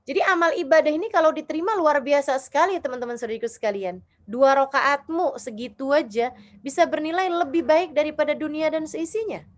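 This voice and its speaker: A woman's voice: sits high, a little fast. A woman religious teacher giving an Islamic study lecture to a women's group, reciting Arabic prayers and explaining them in a preaching manner. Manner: warm didactic preaching, chanting Arabic prayers then translating. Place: online or live study session for women.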